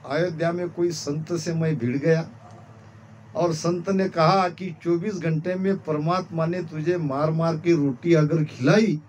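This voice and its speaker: A man voicing a stubborn but simple village man who pleads and protests in a quick, rising voice while telling a story in a sermon. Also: a little high, darkish tone, a little hiss or hum, natural voice.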